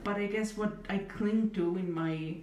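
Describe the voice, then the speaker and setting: A young woman from Italy speaks in a warm, mid-range voice, unhurried and with fairly even intonation. Interviewed in a reflective, conversational manner, she is thoughtful, hedges often, uses many fillers and has a dry, wry humor. Expect an echoey room, a distant mic and faint noise.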